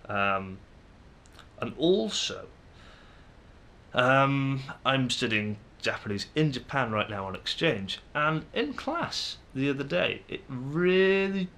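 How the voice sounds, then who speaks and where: Very animated yet slow, a young man in his twenties from the Manchester area of northern England rambles to camera in a self-deprecating vlog, restarting often. His northern-accented, mid-range voice sounds pushed and bright.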